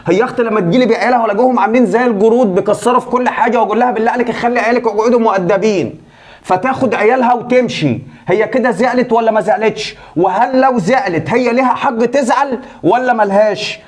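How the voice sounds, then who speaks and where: An Egyptian man acting out a harried husband and brother, his voice high for a man and his words tumbling out at great speed. He sounds worn down and pleading, caught between two sides. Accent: Egyptian Arabic. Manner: exasperated, fast-talking, pleading. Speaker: comedy sketch creator. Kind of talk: comedy sketch.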